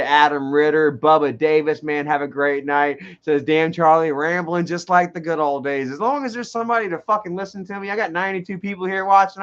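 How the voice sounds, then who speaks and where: A man's voice: a little high, a bit bright, dull audio. A man, rambling and swearing in a casual live stream, often restarting his sentences. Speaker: livestream host.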